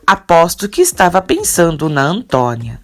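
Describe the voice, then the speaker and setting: A woman's voice: lowish voice, wildly swooping pitch, moderate pace, faint music behind. A woman reading the lines of a friendly, teasing male coworker who gives advice, from a soap opera recap.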